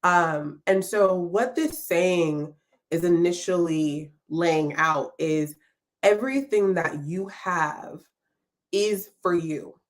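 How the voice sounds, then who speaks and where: Low-voiced woman hosting a live podcast. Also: slow. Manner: warm and encouraging, reflective, with frequent ums. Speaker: podcast host. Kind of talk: live-streamed podcast talk.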